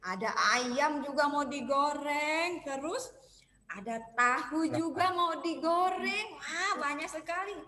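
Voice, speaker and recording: A woman preschool teacher telling a story and leading young children in an online class, animated and exclaiming. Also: sits high. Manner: animated, exclaiming, sing-song. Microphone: video call. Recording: echoey room with long reverb.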